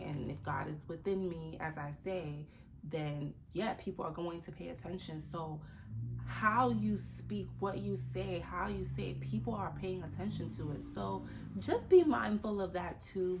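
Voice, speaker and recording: Woman host, motivational talk, earnest, repeats points, faint background hiss. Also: fairly low pitch.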